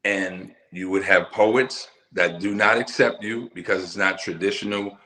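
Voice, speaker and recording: A middle-aged man talking as an interview guest about his work, telling his story in an emphatic, animated way. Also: low voice, unhurried, roomy sound. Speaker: interview guest, musical poet. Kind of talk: casual conversational interview.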